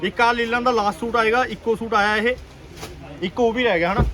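A man with a Punjabi accent giving an urgent, repetitive, enthusiastic sales pitch as a shop seller on an online video. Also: fairly even intonation, fairly quick, sharp tone. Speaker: clothing shop seller presenting stock. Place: busy clothing shop.

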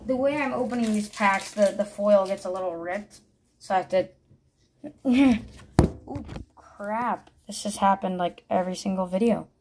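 A woman's voice: medium pitch, a little slow, a little mellow, slight background noise. A woman vlogger giving casual unboxing commentary, calling out each card by name in short bursts and thinking aloud between them. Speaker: vlogger opening trading card packs.

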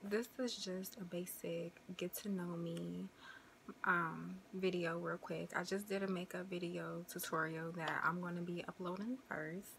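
A young woman in her twenties talks casually to her camera, rambling from one thing to the next with plenty of fillers. Her voice sits fairly low and has a gravelly, fry-laden edge. There is a faint hiss of noise behind her. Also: steady tone, a little slow, fairly bright tone. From American Midwest. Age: 20s. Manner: chatty, rambling, uses y'all and you know. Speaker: vlogger.

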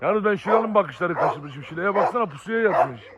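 A man's voice: sits high, lively intonation, normal speed, lo-fi sound, very noisy. Chatty man calling his farm dogs. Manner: chatty, talks to his dogs and to viewers, calls and soothes the dogs. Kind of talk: casual outdoor vlog commentary. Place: farm outdoors.

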